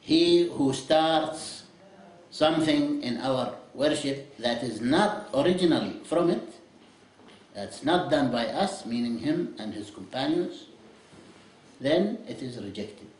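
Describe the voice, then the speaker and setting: Male teacher, English lecture, lively with chuckles, mid-pitched voice, roomy echo. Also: slow pace. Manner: explains in English with Arabic phrases, asks "you see?", "okay?"; lively, chuckles at his own examples. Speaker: Islamic studies teacher. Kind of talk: classroom lecture. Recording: echoey lecture room.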